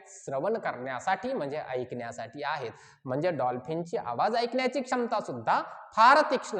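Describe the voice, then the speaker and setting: A woman teaches children from a reading passage and explains each point slowly. She keeps asking her pupils questions and then answers them herself, and her voice rises and falls a great deal. A long hall reverb trails behind her words. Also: medium pitch. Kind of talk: exam-prep lesson for children.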